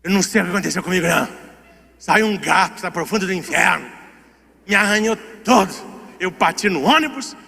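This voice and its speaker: Guy doing a frantic hurt old man, bright high voice, echoey hall. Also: fairly quick, creaky, exaggerated voice. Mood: complaining. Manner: frantic complaining. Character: older man, scratched and injured.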